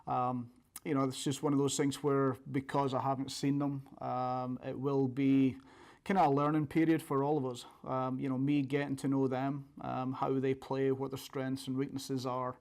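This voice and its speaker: Male coach, thick Scottish accent, medium pitch, level intonation, informal interview delivery. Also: level tone, moderate pace, darkish tone. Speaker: college soccer coach.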